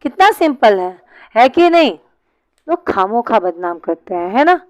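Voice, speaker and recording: A woman's voice: fairly high pitch, very animated, unhurried, dry recording, rough recording. A woman teaching an online English class, explaining step by step and answering her own questions.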